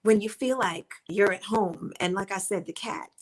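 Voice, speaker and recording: Earnest woman coaching gently, slightly husky. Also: mid-range voice, moderate pace, poor audio. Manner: earnest, repetitive and coaching, drops to a soft near-whisper at times. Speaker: author and motivational speaker. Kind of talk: encouraging faith-based talk to camera.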